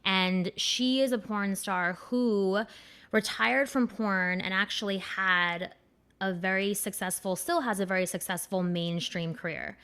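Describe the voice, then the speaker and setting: A woman's voice: mid-range voice, measured pace, fairly bright tone, clean tone. A young woman hosting a podcast, chatting in a candid, crude and rambling way with lots of fillers. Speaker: podcast host. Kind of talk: casual chat.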